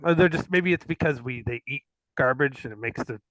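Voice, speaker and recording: A man's voice: mid-range voice, a little fast, a bit bright, dry recording, rough recording. A man co-hosting a casual livestream, chatting about movies in a rambling, laughing way, a little tipsy and swearing casually. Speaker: livestream co-host.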